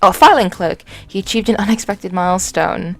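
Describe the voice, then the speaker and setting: A woman's voice: medium pitch, normal speed, faint music behind, close to an everyday voice. A woman doing a slurring drunk police chief. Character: drunk gruff male chief inspector.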